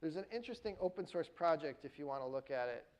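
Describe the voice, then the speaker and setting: A university lecturer giving a classroom lecture, explaining step by step and often pausing to check in with the students. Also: male voice, on the high side, animated, low-quality recording. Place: lecture hall.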